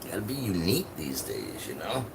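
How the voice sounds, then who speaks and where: A man's voice: low-pitched, wildly swooping pitch, fairly quick. A man chatting casually on a livestream, rambling along and swearing freely. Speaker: live streamer. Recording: clearly noisy livestream audio.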